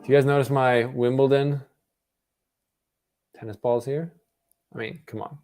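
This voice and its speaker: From a room at home, a young Canadian man commentates on a tennis match for his live-stream viewers in an unhurried, everyday mid-range voice. The watch-party chat is relaxed and loose, full of filler words, restarts, and self-corrections.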